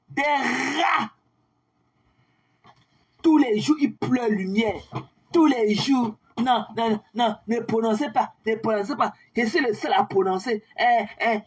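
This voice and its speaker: A young woman with a husky edge to her voice rants at her viewers in a livestream. She sounds scornful and taunting, with English phrases dropped into her talk. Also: medium pitch. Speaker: social media livestreamer. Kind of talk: ranting monologue to viewers.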